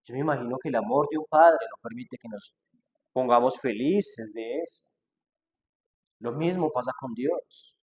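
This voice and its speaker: A man's voice: mid-range voice, moderate pace, a little mellow, slight background noise. A male pastor preaching a sermon, asking rhetorical questions and acting out people's objections. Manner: acts out quoted objections in a changed voice.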